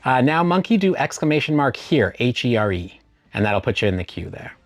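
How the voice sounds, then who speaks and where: A man's voice: medium pitch, sing-song, fairly quick, dry recording. Man, live stream host, casual chat, greets viewers, spells out commands, dry close sound, faint music behind.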